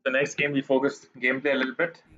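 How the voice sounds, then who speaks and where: A man's voice: mid-range voice, completely flat delivery, quick pace, pushed and bright, muffled recording. A man chatting casually to his stream chat while playing a game, rambling and poking fun at himself. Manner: chatty, rambling, self-deprecating. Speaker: gaming streamer.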